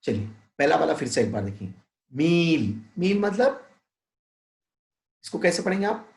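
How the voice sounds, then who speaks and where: This male primary school teacher gives a recorded Hindi lesson to small children in an echoey space, pronouncing word by word at a slow, drawn-out pace with English explanations. His fairly high, creaky voice stays very animated as he addresses the kids as "beta" and keeps asking questions to check their grasp.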